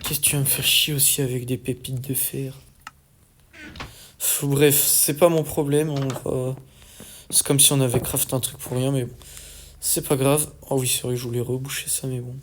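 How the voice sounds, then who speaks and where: A young man giving casual let's-play commentary, excitable and swearing often as he talks to his viewers. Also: mid-range voice, moderate pace, slight background noise. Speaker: gaming YouTuber.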